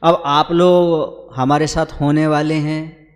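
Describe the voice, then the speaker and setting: A Jain monk giving a sermon to a gathering, calling listeners brothers and putting questions to them. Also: male voice, fairly high pitch, flat delivery, slow, big-room sound.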